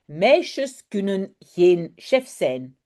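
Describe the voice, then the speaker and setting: A woman's voice: medium pitch, sing-song, drawn-out words, a little mellow. A woman voicing a boastful, bossy little boy playing stationmaster in a children's story. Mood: stubborn. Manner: bossy, insistent.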